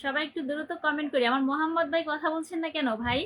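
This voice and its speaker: A woman's voice: high-pitched, steady tone, rapid-fire, a bit bright, low-quality recording. A young woman from Bangladesh hosting a phone livestream, greeting viewers by name and cheerfully urging them to comment and share. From Barisal, Bangladesh. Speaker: livestream host. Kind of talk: casual livestream chat.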